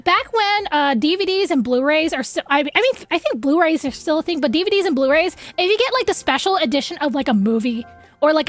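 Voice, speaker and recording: A young woman hosting a game livestream in casual, rambling, excitable chatter full of filler words. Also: high-pitched. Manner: effusive, excitable asides.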